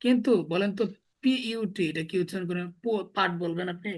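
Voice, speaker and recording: A man's voice: high voice, quick pace. A male teacher gives a classroom lesson. He explains patiently, step by step, and keeps drilling his students with repeated questions.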